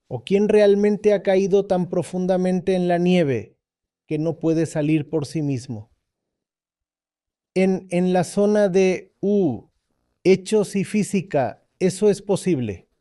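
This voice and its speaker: Slow, high-voiced man giving a spiritual lecture. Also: mellow, dry recording, clean studio sound. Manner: deliberate, repeats key points, checks understanding. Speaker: spiritual teacher.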